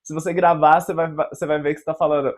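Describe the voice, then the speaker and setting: Man, Brazilian Portuguese accent, host, casual debate, measured and explanatory, fairly high voice. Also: level tone. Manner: deliberate, explains with examples.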